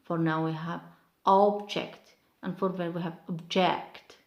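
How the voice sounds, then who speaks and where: A woman whose first language is Arabic, teaching an English lesson and reading out word lists one by one, stressing each word deliberately. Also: on the low side, level tone, roomy sound. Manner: slow, deliberate, stressing single words in drilled lists. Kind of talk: recorded grammar lesson.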